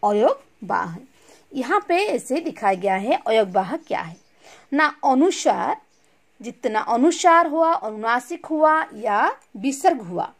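High, lively teacher woman. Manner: asks questions and answers them herself; mixes English words into Hindi. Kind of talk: recorded lesson.

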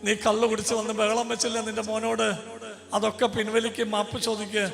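A man's voice: sits high, monotone, quick pace, vocal fry, in a large hall. A man leading a congregation in guided prayer, fervent and commanding, directing worshippers in a church over devotional music. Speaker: priest leading adoration prayer.

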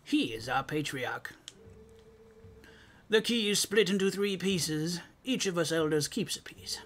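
A man's voice: high-pitched, lively intonation, fairly bright tone, heavily acted. A man doing a solemn old rock elder. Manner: slow, formal old-man delivery. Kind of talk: reading game dialogue aloud in character.

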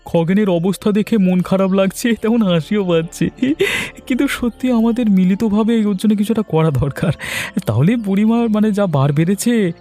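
A man voicing an excitable village friend in a cartoon. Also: high voice, moderate pace, faint music behind, close to an everyday voice. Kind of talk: cartoon voice acting.

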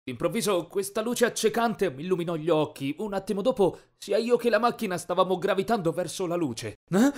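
Expressive man narrating a story. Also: high-pitched, brisk, few pauses. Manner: expressive, dramatic. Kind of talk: first-person story narration.

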